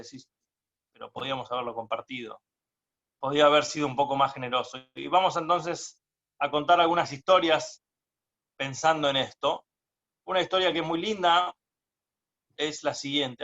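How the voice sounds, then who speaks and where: A man's voice: a little high, a bit bright. Man, rabbi, conversational storytelling sermon, dull lo-fi recording.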